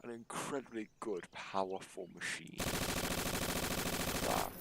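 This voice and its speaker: A man's voice: low-pitched, wildly swooping pitch, slow pace, creaky, very noisy. A man giving casual, sarcastic, mock-boastful commentary over his own gameplay. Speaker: gaming YouTuber.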